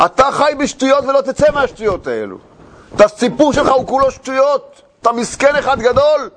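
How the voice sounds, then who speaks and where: A man with a high voice teaches as a Torah teacher, retelling a tale line by line. He talks in an animated way, asking rhetorical questions and repeating phrases for weight. His delivery has the steady build of an expository lecture.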